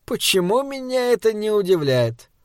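A man reading an audiobook, voicing a brusque, sardonic grown male monster hunter who gives gruff, mocking orders. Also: on the high side, expressive, unhurried, a little mellow, dry recording, clean studio sound.

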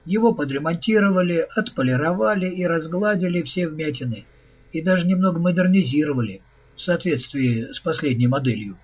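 A man voicing a cheerful, chatty male robot in an audiobook reading, with a husky voice. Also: a little high, brisk.

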